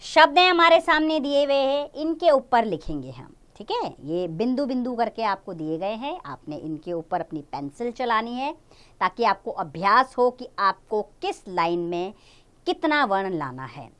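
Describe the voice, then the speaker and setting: A young woman teaching a Hindi lesson to small children. She draws out each word slowly, repeats it, and coaxes them with questions. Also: fairly high pitch, big pitch swings, fairly bright tone. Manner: drawn-out syllables when modelling words, repeats each word twice. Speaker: primary school Hindi teacher.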